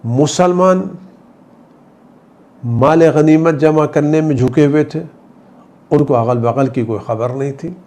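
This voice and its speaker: A man delivering a Friday sermon, telling the story with passion, his voice rising high for emphasis, then dropping low and quiet. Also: slow, pauses often. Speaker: Shia cleric giving a Friday sermon. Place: studio.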